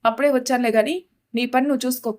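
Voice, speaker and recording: A woman's voice: high voice, steady tone, very fast, a little mellow, close to an everyday voice. A woman doing a curt, scolding young husband. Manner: gruff, scolding, impatient orders.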